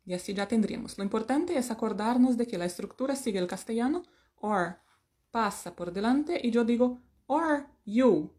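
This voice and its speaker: Here a woman with a fairly high but dark-toned, expressive voice gives an English lesson in Spanish at normal speed. She keeps things light, singing fragments of songs and joking about herself.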